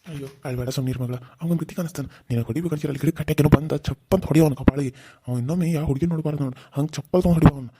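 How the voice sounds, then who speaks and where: A woman voicing a gruff, protective middle-aged village uncle in a cartoon serial. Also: low-pitched, very fast, mellow, slight background noise, lightly acted. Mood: comforting.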